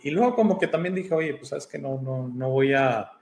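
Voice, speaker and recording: A man's voice: medium pitch, a little fast, vocal fry, a little hiss or hum. A man born in Italy and raised in Mexico, a podcast host talking as a guest over a video call, thoughtful and hesitant with many fillers. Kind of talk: casual interview chat.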